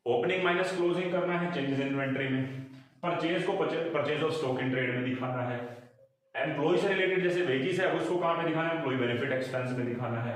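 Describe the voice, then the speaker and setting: A man teaches accounts in a lively voice, and his pitch swings up and down as he quizzes students and then answers for them. He sits a bit back from the mic in a very echoey room. He mixes with terms. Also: far from the mic. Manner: explanatory, asks students questions and answers them. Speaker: commerce teacher. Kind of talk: explaining accounts in a recorded lesson.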